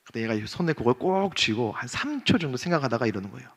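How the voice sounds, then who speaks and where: A pastor in his thirties preaching a sermon, telling a family story and acting out the voices with lively shifts in pitch and volume. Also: quick pace, breathy edge. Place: church sanctuary. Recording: long church hall reverb.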